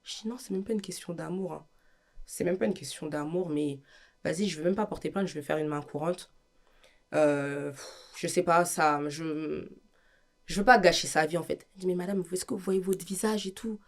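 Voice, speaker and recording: A woman's voice: fairly low pitch, normal speed. A woman with a French accent, a guest giving an emotional testimony, acting out the lines of the people in her story. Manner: animated storytelling, acts out quoted dialogue.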